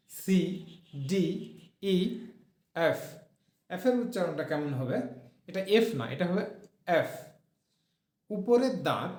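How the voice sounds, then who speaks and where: A man's voice: a little high, a little mellow, roomy sound. A man teaching letter sounds in a spoken lesson, repeating each sound several times for learners to copy. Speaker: English pronunciation teacher.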